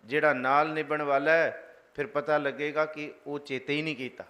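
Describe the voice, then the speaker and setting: A man preaching a sermon, slowly reciting verses and then explaining them, leading the congregation in chanting. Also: fairly high pitch, little pitch movement, pushed and bright. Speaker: Sikh preacher giving scripture commentary.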